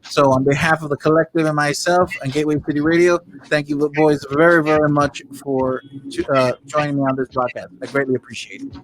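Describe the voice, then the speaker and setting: A man hosting an online radio show, talking casually in chummy street slang and giving shout-outs. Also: a little high, steady tone, a little fast, slight background noise, low-quality recording. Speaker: show host.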